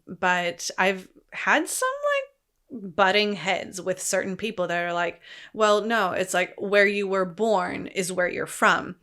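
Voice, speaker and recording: Born in Poland and raised in Germany, a young woman hosts a solo podcast with an American-leaning international accent carrying a slight New Zealand twang. Her lowish, sharp voice rambles chattily through a casual monologue, full of fillers and easy laughs.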